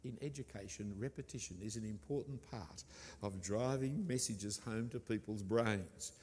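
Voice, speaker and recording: A man's voice: fairly low pitch, darkish tone, husky. Emphatic male preacher in a reverberant hall. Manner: emphatic, repeats key words deliberately. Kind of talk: sermon.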